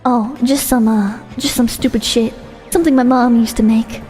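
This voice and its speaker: A woman voicing an awkward, self-deprecating man who speaks haltingly in a story reading. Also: a little high, steady tone, mellow, close to an everyday voice. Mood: bashful. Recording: long hall reverb with music.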